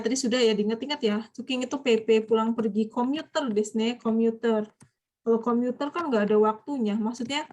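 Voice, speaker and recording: A woman teaches a Japanese vocabulary class with a fairly high voice. She keeps quizzing her students and nudges them along when they are slow to answer.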